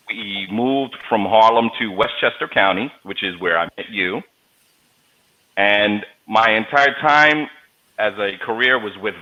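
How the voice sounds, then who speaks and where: A New Yorker in his forties, appearing as a guest on a casual interview over a video call, tells stories in a joking, conversational manner. His voice is low and the audio sounds dull.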